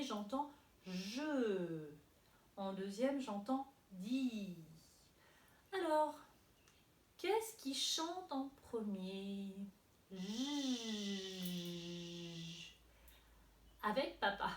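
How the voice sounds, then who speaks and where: A woman teaching a preschool class remotely, greeting children by name and leading a morning wake-up rhyme in a gentle, singsong, encouraging way. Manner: gentle, singsong and encouraging, with a lively rising pitch. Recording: echoey room, distant mic, faint hiss.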